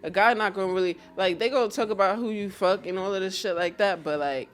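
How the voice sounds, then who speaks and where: Talking fast in a mid-range voice, a young female battle rapper from New York casually describes her beginnings in an interview. Her laid-back, slangy style includes frequently asking "you feel what I'm saying."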